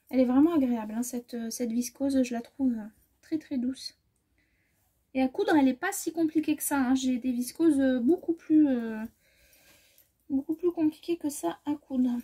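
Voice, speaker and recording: A woman sewing vlogger chatting casually through a fabric haul, rambling and correcting herself as she measures, often trailing off softly. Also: high voice, slightly rough. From France.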